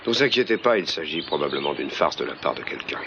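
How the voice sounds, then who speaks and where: Very deep, gravelly solemn man. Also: expressive, quick pace. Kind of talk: dubbed TV soap acting. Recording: dull sound under loud music.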